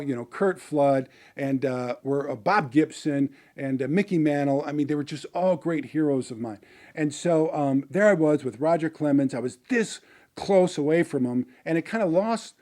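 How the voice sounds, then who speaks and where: A man's voice: a little high, dark tone. A middle-aged man, a motivational business speaker, telling a personal story in a rambling way, with many fillers and restarts.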